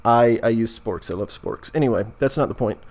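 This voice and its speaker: A man's voice: mid-range voice, fairly quick, a little mellow. A man with an American accent and a mid-range voice talks like a casual vlogger. He rambles along, joking and breaking off his own thoughts as he addresses his viewers. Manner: jokey, meandering, self-interrupting. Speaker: video host. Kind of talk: casual rambling vlog chat.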